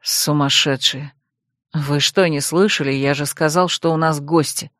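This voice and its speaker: A woman voicing an exasperated older brother who scolds in a lowered voice. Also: steady tone, unhurried, a bit bright, dry recording, clean studio sound.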